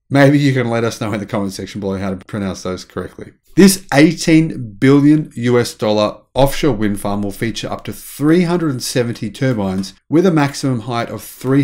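A man, hosting an energetic news commentary in a small room at home and gesturing with his hands. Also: mid-range voice. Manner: enthusiastic, animated, gestures with hands. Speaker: channel host.

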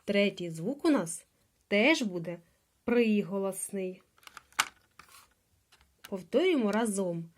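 A woman preschool teacher with a Ukrainian accent, speaking at a very slow, deliberate pace. She stretches out single sounds and says each word again and again for little children. Her voice sits at an ordinary middle pitch. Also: expressive. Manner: drawn-out sounds, repeating each word and letter. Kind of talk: slow phonics lesson for small children.

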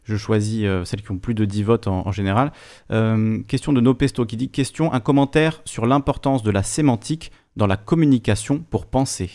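Man, moderator, lowish voice, plain reading of questions. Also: fairly quick, darkish tone. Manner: plain, reads questions aloud.

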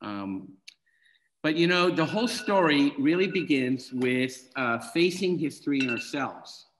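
On a video call, a middle-aged man, a film director and guest, tells casual stories in a lively way, performing the dialogue as he goes. His voice is a little high and a little slow, and the audio is poor.

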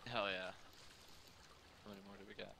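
A man playing a game with a friend, making quick, dry, offhand remarks over voice chat. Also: on the low side, fairly even intonation, vocal fry, sharp tone, a little hiss or hum. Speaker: co-player. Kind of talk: casual gaming voice chat.

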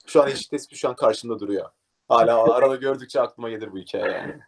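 A young man, a DJ, talking casually in an interview and acting out a story with lively energy. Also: medium pitch, fast. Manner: animated, acts out scenes, says "abi" a lot. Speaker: DJ guest.

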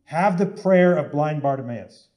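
A man preaches with urgency and repeats his key points over and over. His voice sits a little high, but its tone is warm and mellow. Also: expressive, measured pace. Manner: urgent, repetitive exhortation. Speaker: online preacher. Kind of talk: impassioned sermon-style talk.

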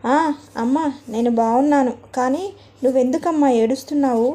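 A woman's voice: high-pitched, fairly quick, dark tone. A woman voicing an earnest little boy who worries about his mother.

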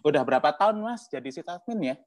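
A man hosting a casual livestream chat, joking, laughing often and filling pauses. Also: a little high, expressive, darkish tone, dry recording. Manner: jokey, laughs often, many fillers. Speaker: host.

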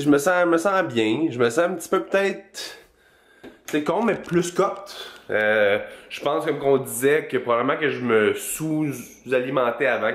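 Brief: Québécois man, fitness coach, laid-back vlog chat that drops in English slang, mid-pitched, roomy room echo. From Quebec. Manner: relaxed slang, mixes in English words.

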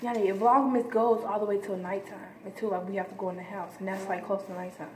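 A woman's voice: mid-range voice, steady tone, fast, reverberant, slight background noise. A teenage girl chatting casually with friends for a vlog on a phone camera, giggly and talking over the others. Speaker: vlogger. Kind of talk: casual chat. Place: outdoors near apartments.

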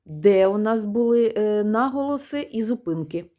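A woman music teacher giving a one-on-one lesson, patiently prompting her pupil and chanting rhythms slowly. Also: mid-range voice, lively intonation, mellow.

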